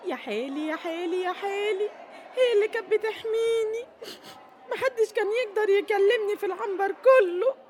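A woman's voice: extremely high pitch, a little fast, a little mellow, slight background noise. A woman playing a grieving Egyptian inmate. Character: grieving, prickly young female inmate.

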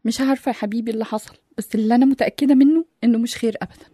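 A woman with an Egyptian Arabic accent acting a shaken wife in an audio drama, speaking uneasily and softly. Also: a little high, steady tone, very fast, dry recording, studio quality, lightly acted. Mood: uneasy. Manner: uneasy, soft-spoken. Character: shaken wife who saw a creature.

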